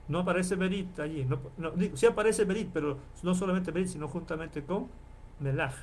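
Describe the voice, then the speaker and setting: A man's voice: high voice, darkish tone, a little hiss or hum. Man teaching a Bible class. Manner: explanatory, checks in with listeners often; spells out and repeats Hebrew terms slowly. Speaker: Bible professor. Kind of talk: online class lecture.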